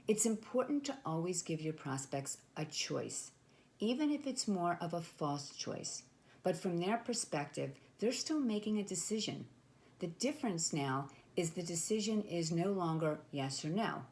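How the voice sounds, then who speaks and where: A woman teaches sales technique with a confident, emphatic delivery, slipping into sample lines she might say to a prospect. Her voice sits on the lower side, with a faint hiss under the recording. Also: darkish tone. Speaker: network marketing coach. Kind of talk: instructional talk to camera.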